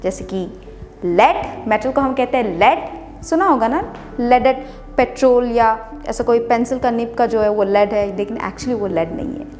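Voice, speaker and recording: An English teacher with a darkish, somewhat high voice explains English words in Hindi at a normal pace, spelling each one letter by letter and patiently repeating it. The recording has long reverb with music in the background.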